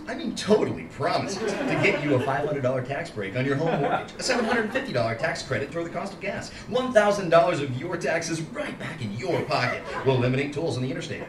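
A male actor with a fairly high voice plays an automated political phone-poll caller in a live interactive radio play, growing ever pushier as formulaic prompts swing into exaggerated salesmanship. The live theater recording is roomy, distant and noisy.

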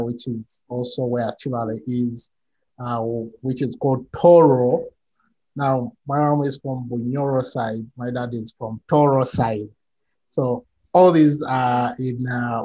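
A man, a podcast guest speaking in measured answers with frequent pauses over a video call. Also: medium pitch, a little mellow, dull audio. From Uganda. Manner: measured, many pauses and fillers. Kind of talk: conversational interview answers.

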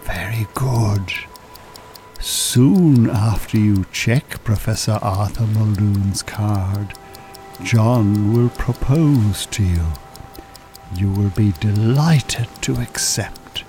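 A man with a low, dark voice voices a calculating Irish con man who works as a hypnotist in an audio drama. Smooth and deliberate, he sounds both soothing and commanding, over a little hiss or hum.

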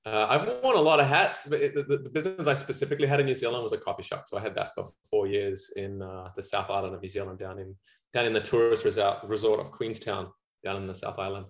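A friendly Australian man chatting as a podcast guest, his voice sitting fairly low. He talks casually and fills pauses with "uh". The sound bounces around a roomy, echoey space. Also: steady tone. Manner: friendly, chatty, frequent "uh" fillers. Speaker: guest, commercial photographer.

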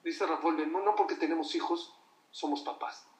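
A religious teacher delivers an emphatic sermon, frequently posing rhetorical questions to his audience. His voice is a little high, with fairly even intonation and a moderate pace. The recording sounds far off in an echoey room.

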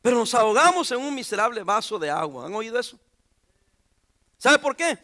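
A very high-pitched man with a gravelly edge and a bright, sharp tone preaches. He keeps the sermon loose and conversational, cracking jokes and tossing questions to the congregation in a church. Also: very animated, moderate pace. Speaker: pastor. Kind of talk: informal sermon.

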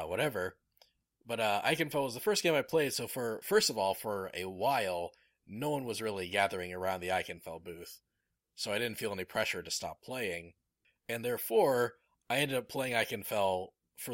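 A man's voice: fairly low pitch, a bit bright, no echo, studio quality. A man chatting casually as a podcast host, enthusiastic and rambling, with many fillers. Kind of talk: casual chat.

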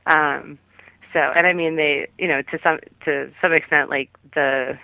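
A woman's voice: sits low, fairly even intonation, measured pace, gravelly, dry recording. A woman calling in as a guest, chatting casually and rambling with lots of fillers. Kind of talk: casual phone interview. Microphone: phone call. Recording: tinny phone line, dry.

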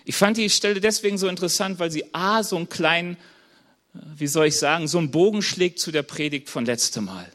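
High-voiced man preaching casually. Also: a little fast, fairly bright tone. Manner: informal, searching for words, chuckles now and then. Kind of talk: conversational sermon.

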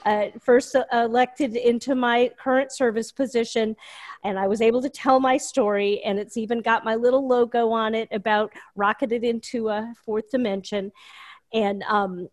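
A woman telling a personal story in casual chat, animated and full of fillers. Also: fairly high pitch, moderate pace. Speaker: guest storyteller.

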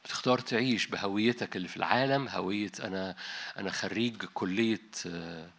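Man, Egyptian accent, sermon, bright tense voice, gravelly, chatty preaching style. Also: on the low side, a little fast. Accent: Egyptian Arabic. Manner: conversational preaching, mixing in English words. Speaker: pastor. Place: large conference hall.

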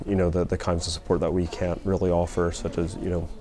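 A man's voice: deep voice, completely flat delivery, quick pace. A man explains things informally as an interviewee, in a hesitant, thoughtful manner. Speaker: community support project worker.

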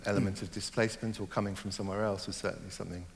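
A man's voice: low-pitched, steady tone, very fast, creaky, big-room sound, a little hiss or hum. A middle-aged man, a novelist born in Germany and raised in Hong Kong, talks through his ideas in an interview, thoughtful and hesitant, with many fillers and restarts. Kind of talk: reflective interview conversation.

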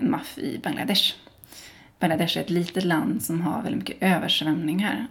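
A woman from Sweden answering interview questions in a relaxed, rambling way, full of small fillers. Her voice sits on the low side and has a gravelly, fry-laden edge. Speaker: interview guest. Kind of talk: casual interview conversation.

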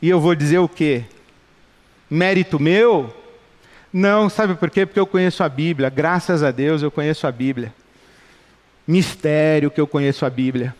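A middle-aged Brazilian pastor preaches a passionate sermon in a Brazilian Portuguese accent, building his points through rhetorical repetition. His voice is fairly high, his pace moderate, and he pauses often, with long hall reverb around him.

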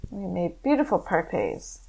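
A woman podcast co-host speaks at a slow, unhurried pace. Her talk is casual and conversational, with an everyday middle pitch. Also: huge pitch swings, gravelly, a little mellow, slightly rough, low-quality recording. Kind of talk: casual chat.

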